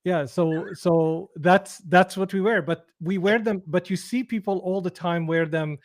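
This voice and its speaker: A man's voice: high-pitched, measured pace. A man from Syria co-hosting a podcast, whose first language is Arabic, asking curious questions casually and often restarting his sentences. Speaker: podcast co-host. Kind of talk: casual conversation.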